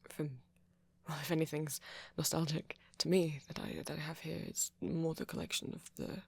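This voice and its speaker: In an ASMR monologue addressed to the listener, a woman voices a shy, anxious, young-looking male vampire who is softly nerdy, in a full character voice that's low, super breathy, creaky and often half-whispered. The tone stays steady at normal speed on a dry recording, while the delivery is hesitant, self-conscious and apologetic, full of nervous stammering and awkwardness.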